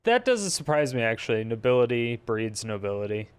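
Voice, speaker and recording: A man's voice: medium pitch, sing-song, clean tone. A man hosting a casual stream chat, playful and joking. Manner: playful, joking, quick to laugh. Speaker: streamer host.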